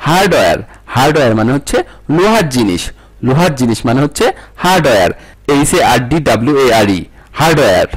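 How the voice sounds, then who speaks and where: A man's voice: medium pitch, sing-song, fast talker, slightly rough. A man teaching English vocabulary, repeating each word and its meaning and spelling it out letter by letter in a sing-song drill.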